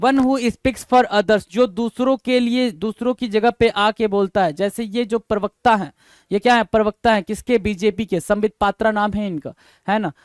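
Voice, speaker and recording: A man's voice: high-pitched, fairly even intonation, normal speed, clear, resonant tone, no room sound. A man teaching an exam-prep vocabulary lesson, repeating each word, spelling it out letter by letter and checking in with students through rhetorical questions.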